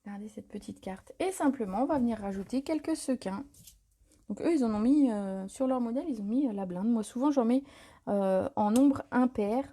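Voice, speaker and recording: Husky, mellow-voiced woman chatting through a craft demo. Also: fairly high pitch, moderate pace. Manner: chatty and relaxed, many fillers and self-corrections. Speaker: craft demonstrator hosting a live stream. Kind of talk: live paper-craft tutorial, improvised chat.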